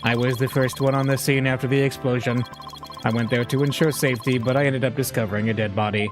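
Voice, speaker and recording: A man voicing a curt male bomb squad specialist in a game playthrough, speaking in a flat, robotic, synthesized-sounding monotone with clipped, terse phrases. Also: mid-range voice, fast talker. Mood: robotic deadpan. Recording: game music playing behind.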